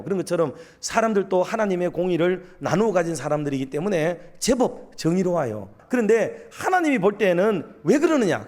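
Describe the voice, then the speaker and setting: Animated male pastor preaching a sermon. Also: sits high. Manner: animated, addresses congregation directly, rhetorical questions.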